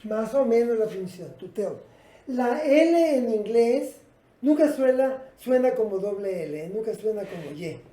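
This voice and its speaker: A woman's voice: on the high side, lively intonation, moderate pace, warm tone, reverberant, rough recording. A woman teaching a patient, explanatory language lesson at a whiteboard, speaking directly to her students. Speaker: English teacher.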